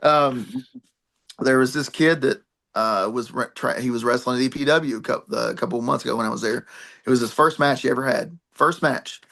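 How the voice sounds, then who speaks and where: A man's voice: medium pitch, a little fast, gravelly, pushed and bright. A middle-aged man, a pro wrestler and trainer, telling rambling, laughing stories in a podcast interview and swearing now and then. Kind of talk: animated storytelling in a podcast interview.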